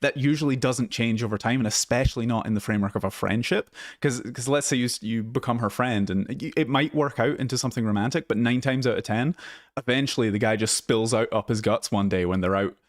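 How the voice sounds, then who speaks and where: A man's voice: mid-range voice, fast talker, no room sound, clean studio sound. A man coaching listeners on dating in a casual live talk, blunt and swearing freely, often restarting his sentences. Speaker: dating and social skills coach. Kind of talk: casual live advice monologue.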